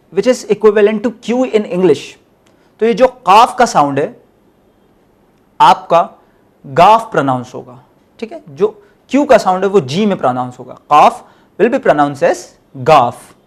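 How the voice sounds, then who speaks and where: Man, language teacher, high-pitched voice, slow deliberate pace, step-by-step lecture, repeats key points. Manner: explains step by step, mixing English into Hindi-Urdu, repeats key points; spells out letters one by one.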